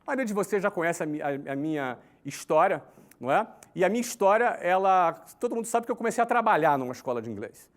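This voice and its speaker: A high-voiced man in his forties talks fast in a conversational recorded presentation for an online audience. He leans on tag questions to check in and lays out steps in an emphatic, lively rhythm.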